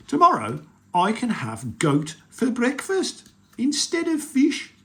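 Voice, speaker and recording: A storyteller voicing a timid male troll in a children's storybook, with a small, high, shaky voice. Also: wildly swooping pitch, slow, sharp tone, heavily acted. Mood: eager. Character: timid male troll who hides in a chest. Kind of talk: storybook read-aloud.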